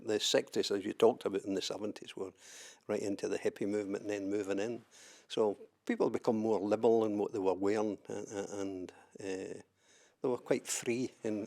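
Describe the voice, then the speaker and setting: Speaking on the low side with a creaky, somewhat dark tone, an older trade unionist from southwest Scotland is being interviewed for an oral history. His recollections come out haltingly, full of fillers and repeated words.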